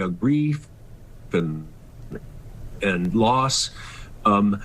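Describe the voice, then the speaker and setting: A middle-aged or older stage actor speaks as a remote interview guest via video call, not in the studio, offering casual, reflective thoughts in an earnest, expressive manner. His pitch is fairly low, his tone fairly bright, and the audio quality poor.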